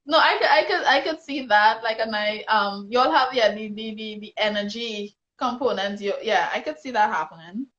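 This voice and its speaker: A woman's voice: fairly high pitch, normal speed, hardly any pauses, fairly bright tone. Teasing woman on dull stream audio. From Trinidad and Tobago. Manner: laughing, teasing. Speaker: interviewer blogger. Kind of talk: casual interview chat. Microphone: phone on a live video stream.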